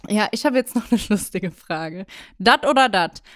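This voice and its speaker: Eine junge Frau, die als Co-Host in einem lockeren Podcast laut und direkt plaudert und oft lacht. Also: female voice, medium pitch, animated, moderate pace. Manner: loud, blunt, laughs often. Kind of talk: casual chat. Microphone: close podcast mic.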